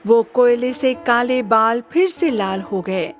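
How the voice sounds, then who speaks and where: A woman narrating a children's fairy tale in a gentle storybook manner. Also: a little high, slow pace. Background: soft music.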